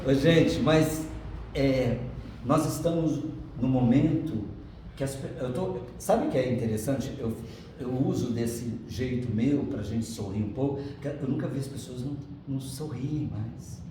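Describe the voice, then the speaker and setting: A man's voice: medium pitch, a little slow, dark tone. Man lecturing in an echoey hall. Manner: chatty, playful, moves between earnest and joking. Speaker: lecturer at a spiritist center. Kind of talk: spiritist lecture with joking asides. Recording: echoey hall from far off, faint background noise.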